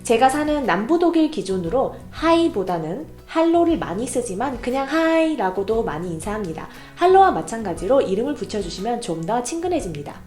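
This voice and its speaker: Woman from Korea, casual online language teacher, lively animated delivery, models phrases slowly, slightly higher voice, echoey room. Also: soft background music. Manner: lively, repeats German phrases slowly for practice.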